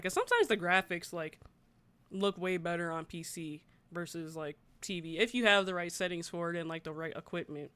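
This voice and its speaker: A woman with a lowish, sharp-toned voice hosts a gaming stream, casually chatting with her viewers and reading news aloud with her own reactions. The recording is smooth and dry.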